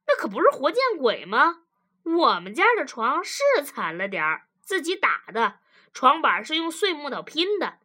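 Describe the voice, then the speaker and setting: A stubborn, blunt husband who blusters loudly in folksy phrases, as a woman reader puts him on. The voice sits high and bright and swings up and down with animated force, keeping a storybook feel throughout. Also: moderate pace, heavily acted. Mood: blustering. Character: stubborn blunt working-class husband, defensive.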